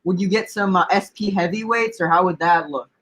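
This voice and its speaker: A man co-hosting a livestream in casual chat, eager and halting, with many fillers. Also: sits high, fairly bright tone. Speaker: livestream co-host.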